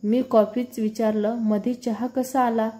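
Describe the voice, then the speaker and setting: A woman's voice: fairly high pitch, flat delivery, unhurried, mellow, lightly acted. Amar, a woman voicing a teasing young man. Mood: friendly. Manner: playful, a bit nervous.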